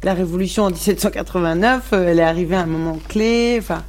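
A woman's voice: lowish voice, fast talker, a little mellow. Outspoken woman musician. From Morocco. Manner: outspoken, frank, many restarts and fillers. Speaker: musician guest. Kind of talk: radio interview.

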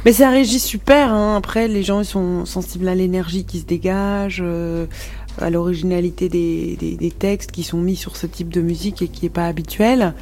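A woman's voice: fairly low pitch, fairly even intonation, moderate pace, mellow. A woman from Morocco, speaking frankly as a musician guest in a radio interview, with many restarts and fillers.

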